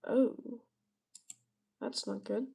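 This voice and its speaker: Brief: sarcastic woman streamer, unhurried delivery, slightly high voice, swears casually. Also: fairly even intonation, creaky, mellow, slight background noise, rough recording. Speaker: weather streamer. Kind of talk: casual commentary while browsing.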